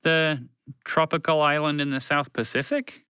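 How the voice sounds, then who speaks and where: A man voicing a calm, practical, polite moose in a children's story, measured and to the point. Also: a little high, clean tone, no room sound, clean studio sound, pitched above the performer's own voice. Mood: careful questioning.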